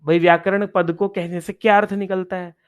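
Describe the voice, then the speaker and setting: High-voiced male Sanskrit teacher explaining. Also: little pitch movement, fairly quick, smooth. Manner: explains Sanskrit text line by line in Hindi, asks students questions. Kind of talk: online exam-prep lecture.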